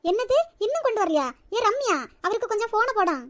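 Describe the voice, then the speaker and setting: A woman doing a cartoon grandmother who fusses over her grandchild and orders the household about. The voice sits very high and rattles along at a quick clip. She is fussy and doting at once. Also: expressive, no room sound, clean studio sound. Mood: bossy. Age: older. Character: affectionate elderly grandmother, head of the family. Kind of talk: cartoon voice acting.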